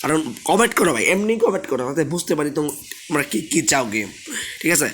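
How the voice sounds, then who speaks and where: A young man, hoarse from a sore throat, chatting casually as he plays a game and keeps asking viewers to subscribe. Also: on the high side, expressive, fairly quick, fairly bright tone, slight background noise. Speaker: gaming channel host. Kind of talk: casual gameplay commentary.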